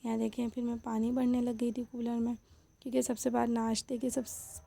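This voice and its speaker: Young woman housewife vlogger, mellow creaky voice, chatty to camera. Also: on the high side, flat delivery. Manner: chatty, addresses viewers directly. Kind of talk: casual home vlog chat.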